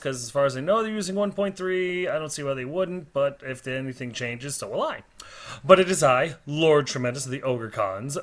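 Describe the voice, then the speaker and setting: A man's voice: mid-range voice, fairly bright tone. A man casually narrating a tabletop game report in a chatty, informal, self-deprecating way, recorded on a slightly distorted laptop microphone. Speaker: host of a tabletop wargame battle report series. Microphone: built-in laptop or monitor microphone.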